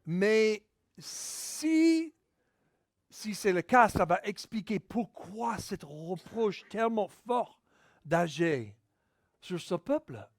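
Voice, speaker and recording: A man preaching a sermon in French, speaking English natively, restarting words and building to near-shouting on key points. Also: high-pitched, animated, drawn-out words, no room sound. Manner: restarts words mid-sentence. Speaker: pastor.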